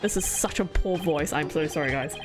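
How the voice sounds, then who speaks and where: A woman's voice: sits low, a little fast. A woman giving casual, playful and self-deprecating commentary as she livestreams a game. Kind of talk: casual livestream commentary while reading game dialogue aloud. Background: game music.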